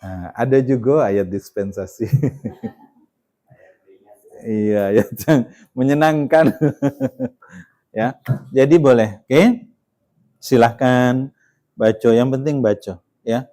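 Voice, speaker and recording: A man delivers a Quran study talk. He speaks in a chatty, engaging way, checking in with listeners through tag questions. His pitch jumps sharply on key points. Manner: conversational, tag questions, animated emphasis. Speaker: Islamic preacher.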